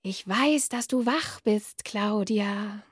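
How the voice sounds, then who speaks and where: A woman reading from her novel, voicing a sly, sinister night creature in a slow, coaxing, half-whispered hiss. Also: mid-range voice, breathy edge, no echo, clean studio sound. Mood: menacing.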